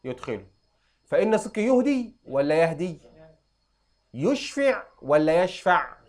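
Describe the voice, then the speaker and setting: A young adult man with an Egyptian accent, teaching an Arabic grammar lesson and quizzing students with quick questions. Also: a little high, sing-song, darkish tone. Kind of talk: classroom lesson.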